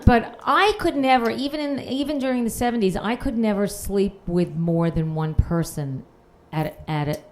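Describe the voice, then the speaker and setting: A woman's voice: medium pitch, moderate pace, few pauses, a little hiss or hum. A woman from Queens doing a dry, self-mocking stand-up set on a comedy panel show. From Queens, New York. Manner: dry, self-mocking, reads messages aloud with sarcasm. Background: audience laughter.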